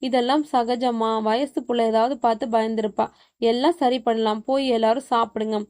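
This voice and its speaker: A woman voicing a steady father who reassures his frightened family in a horror story. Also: fairly high pitch, moderate pace, dry recording, clean studio sound, close to an everyday voice. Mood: reassuring.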